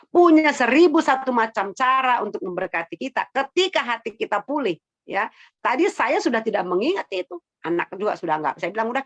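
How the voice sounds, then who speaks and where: A woman's voice: lowish voice, no room sound. A middle-aged woman giving a devotional testimony and prayer in a conversational storytelling style, speaking directly to her listeners.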